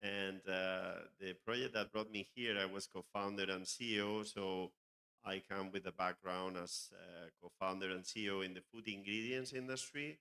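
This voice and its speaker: A man introducing himself on a panel in a measured way, pausing often with uhs. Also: low voice, fairly even intonation, sharp tone.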